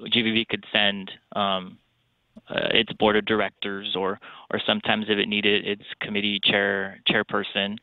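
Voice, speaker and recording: Gravelly man over a landline phone. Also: on the low side, monotone, dry recording. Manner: explains in a halting way with many pauses. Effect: heard over a landline phone. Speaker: tourism bureau staffer calling in as guest. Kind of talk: casual chat. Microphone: office landline phone. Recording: dull, dry landline phone line.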